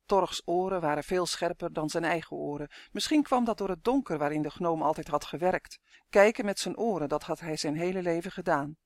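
High-voiced man narrating a storybook. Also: fairly quick, no room sound, clean studio sound. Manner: vivid, dramatic reading. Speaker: audiobook narrator.

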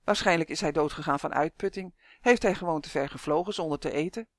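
A reader voicing Rodi, a loud, bossy young boy who yells shrilly, in a storybook reading. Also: fairly quick, dry recording, clean studio sound, natural voice. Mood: matter-of-fact. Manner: shrill yelling.

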